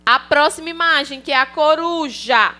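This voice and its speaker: A woman's voice: high voice, moderate pace, bright, forceful tone. A Brazilian woman teaching a recorded online class to young children, cheerful and coaxing, often checking in with the kids. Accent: Brazilian Portuguese. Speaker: primary school teacher.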